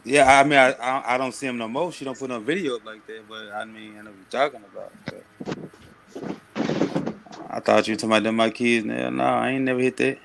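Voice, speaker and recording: A man calling in to a live chat show, talking slowly in a deep, laid-back, mumbling way. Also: fairly even intonation, creaky, fairly bright tone, slight background noise, rough recording. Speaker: caller. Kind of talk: casual chat.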